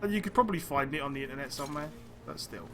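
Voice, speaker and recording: A man's voice: medium pitch, expressive, racing, over music. A man streaming a video game, chatting and thinking aloud as he plays, rambling between choices. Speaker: gaming streamer. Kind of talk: let's-play commentary.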